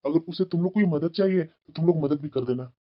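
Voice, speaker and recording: Woman voicing a gentle anxious father-in-law, fretful, pleading, cartoon, dull lo-fi sound. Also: low-pitched, fast talker. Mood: instructing. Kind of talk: cartoon voice acting. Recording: dull lo-fi recording.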